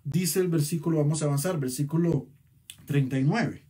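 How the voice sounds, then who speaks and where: Male pastor, husky voice, fairly high and lively pitch, sermon. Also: normal speed. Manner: animated preaching with rhetorical questions.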